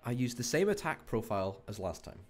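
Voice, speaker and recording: Hosting a gaming video, a man offers casual let's-play commentary peppered with wry jokes at his own expense. His voice is mid-range, and there is slight background noise.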